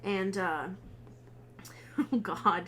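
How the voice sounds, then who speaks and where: A woman's voice: medium pitch, drawn-out words, slight background noise. A young woman co-hosting a podcast, chatting animatedly and laughing as she recaps a film and acts out the characters' lines. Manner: animated, laughing, acting out quotes. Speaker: podcast co-host. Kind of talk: casual chat recapping a film.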